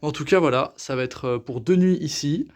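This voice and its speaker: A man's voice: on the high side, moderate pace, no echo. A man filming a casual travel vlog, chatty and enthusiastic with many fillers, tired and sore from walking, talking outdoors in a city and indoors in a hostel. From France. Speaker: travel vlogger. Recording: street noise behind a handheld camera.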